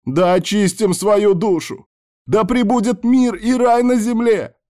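Give me a frenzied male cultist screeching at the top of his voice, high, loud and drawn out. Ecstatic fanaticism in an audiobook. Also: a little slow.

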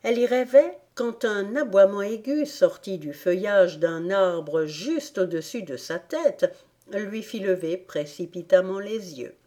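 A woman reading a children's classic aloud as an audiobook narrator, in a measured, deliberate storytelling manner. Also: mid-range voice, mellow. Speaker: audiobook reader. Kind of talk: scripted narration.

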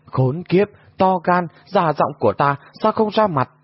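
A man's voice: sits high, expressive, unhurried, husky, voice pushed up, full character voice. A man voicing a mysterious shape-shifting trickster who mockingly echoes other people's words. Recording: dull lo-fi audio.

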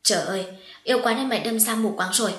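Brash young woman with quick, loud retorts, read by a woman narrator; echoey room. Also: a little high, lightly acted. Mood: indignant. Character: spirited young woman, blunt and teasing.

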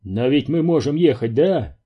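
A man's voice: mid-range voice, expressive, normal speed, breathy edge, highs cut off. A man voicing a restless male cameraman who presses anxious questions. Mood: uneasy.

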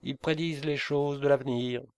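A man's voice: mid-range voice, steady tone, moderate pace, smooth, dry recording, voice pushed up, natural voice. A man voicing a bitter merchant who grumbles about his stolen caravan. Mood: grumbling. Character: grumbling male merchant, bitter over robbed goods.

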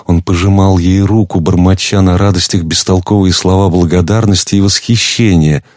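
Male audiobook narrator, low voice, measured literary delivery, dead-dry sound. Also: steady tone, a little mellow, no echo. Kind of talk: audiobook reading.

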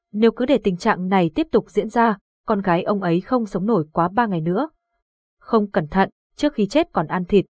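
Stern old exorcist, calm authority, horror audiobook, woman narrator, husky tone. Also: medium pitch, no room sound. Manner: measured, authoritative.

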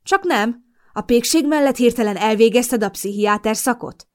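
A woman's voice: mid-range voice, expressive, lightly acted. Woman reading as a teasing young boyfriend. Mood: scornful. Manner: teasing, then scornful and cutting. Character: young man, teasing boyfriend turning sharp.

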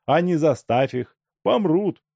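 A man playing a scheming middle-aged suitor who speaks in a persuasive, assured tone, gravelly and mellow, in a storybook reading. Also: fairly high pitch, lively intonation, slow, no room sound, voice pushed up, full character voice.

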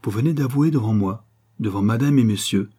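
A man voicing a calm, stern doctor who speaks with assurance. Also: mid-range voice, quick pace, slightly rough, natural voice. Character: stern, confident male doctor.

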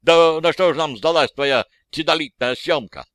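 A young tsarist officer, as an audiobook narrator puts him on, mocking and condescending toward the man he argues with. The voice is smooth and clear, with a mid pitch. The recording is dry and close. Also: normal speed, bright, forceful tone, no echo, lightly acted. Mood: indignant. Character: young sneering male tsarist army officer.

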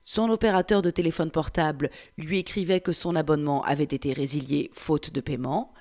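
A woman reading an excerpt of a novel aloud in a calm, measured way. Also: low voice. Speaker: book reader.

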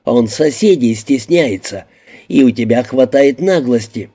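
A man's voice: medium pitch, animated, measured pace. A man voicing a hard, threatening police detective who questions bluntly. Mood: furious. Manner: blunt, menacing, shouting at times. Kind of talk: audiobook character voicing.

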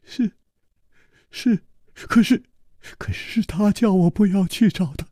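A man's voice: high voice, slow pace, warm tone, dry recording, studio quality, voice pushed up. A male storyteller voicing a timid young male servant who stammers and pleads tearfully. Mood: tearful, stammering. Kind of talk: storytelling with character voices.

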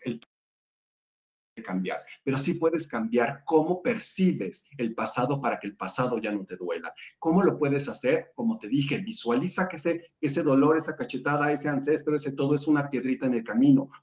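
A man who is a spiritual guest speaker answers audience questions and leads a calm guided visualization, talking in repeated lists with small restarts. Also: medium pitch. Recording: roomy, dull lo-fi sound.

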